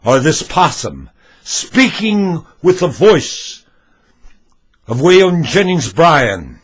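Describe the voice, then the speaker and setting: A man's voice: fairly high pitch, big pitch swings, slow, breathy edge. A man making a homemade commentary video, talking emphatically and demonstrating with props as he goes. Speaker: amateur video maker.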